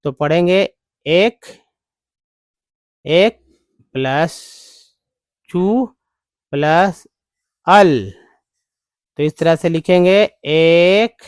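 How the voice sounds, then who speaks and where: Male tutor for beginners, drawn-out teaching delivery, smooth voice, dry close mic. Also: a little high, no echo. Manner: drawn-out, repeating each word for the learner. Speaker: English teacher. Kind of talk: slow spelling-out lesson.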